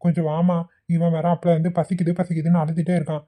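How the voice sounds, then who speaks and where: A woman's voice: deep voice, flat delivery, fast talker, mellow. A woman voicing a kindly elderly man in a cartoon who frets while minding a crowd of children. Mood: flustered. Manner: fretful, flustered. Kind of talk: cartoon voice acting.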